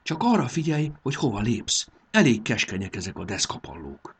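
A man's voice: fairly low pitch, wildly swooping pitch, breathy edge, exaggerated voice. A man voicing a tiny fairy girl who pouts, teases and coaxes her friend. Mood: urgent, soothing. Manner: pouting and teasing. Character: tiny cheeky fairy girl, eager and teasing.

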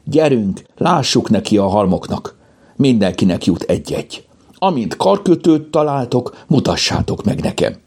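A man voicing an excitable, bossy young girl in a children's audiobook, with high, eager exclamations. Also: slightly rough. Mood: excited.

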